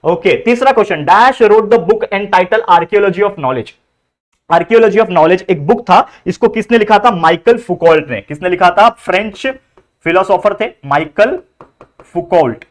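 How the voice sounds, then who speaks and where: Young guy teacher, pretty high voice, casual exam prep, keeps repeating answers. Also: a little slow. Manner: chatty, repeats answers for memorizing. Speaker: tutor.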